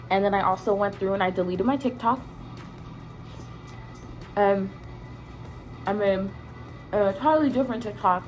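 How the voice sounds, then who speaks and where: A woman vlogger with a mid-range voice gives viewers a casual rant full of opinions. Her talk is emphatic and slangy, laced with swearing and repetition for emphasis, and the audio quality is poor.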